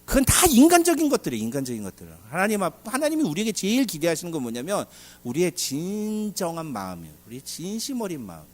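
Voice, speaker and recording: A male pastor preaching a sermon in an animated way, asking the congregation questions and acting out dialogue. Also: high voice, fast talker.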